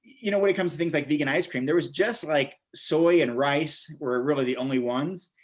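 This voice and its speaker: An American interview guest in his forties tells stories in a relaxed way, rambling and going back over his words. His voice sits on the high side at normal speed, and he is a vegan bodybuilder and author.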